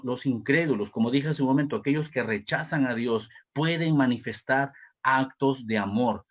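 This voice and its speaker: Peruvian man preaching a sermon. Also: medium pitch. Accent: Peruvian Spanish. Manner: repeats phrases, addresses listeners as brother; slows down deliberately for key points.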